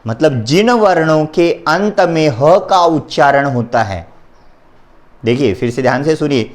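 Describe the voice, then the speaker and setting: A male teacher leads a Hindi grammar lesson in a slow, drawn-out way. His voice sits a little high, and he names the letters one by one and addresses his students directly. He often has them repeat after him. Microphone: recording for an online lesson.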